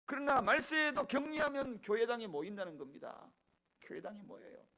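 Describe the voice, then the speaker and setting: A man in his fifties preaching a Sunday sermon in a church, acting out family conversations and swinging from hushed asides to loud emphasis. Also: very high voice, big pitch swings, brisk, low-quality recording. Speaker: pastor. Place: church sanctuary.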